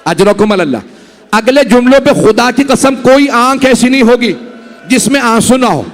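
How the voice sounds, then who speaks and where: Cleric preaching a mourning sermon, high voice, big hall reverb. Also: male voice, normal speed. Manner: emotive storyteller, urges listeners to watch him. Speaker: Shia cleric. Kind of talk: Muharram majlis sermon.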